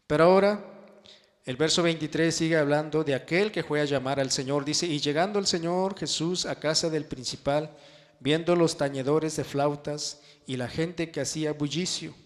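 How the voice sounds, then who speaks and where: A man preaching a sermon and reading scripture, drawing his phrases out with emphasis and sudden soft drops. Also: fairly high pitch. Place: church hall. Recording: long church-hall reverb.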